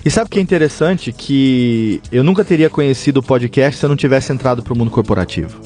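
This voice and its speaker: A man's voice: mid-range voice, fast, faint music behind. A man from Brazil, a podcast guest, telling a story in a casual interview and acting out the dialogue, with a few restarts. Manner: animated storyteller, acts out dialogue, some restarts.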